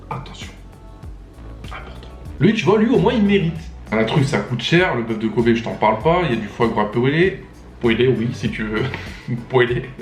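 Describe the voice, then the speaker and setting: A young man hosting a reaction video, reading captions aloud and joking about them with lots of laughter. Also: mid-range voice. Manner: animated, laughs often, reads captions aloud then mocks them. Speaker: YouTuber host. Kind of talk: casual reaction commentary. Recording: echoey room.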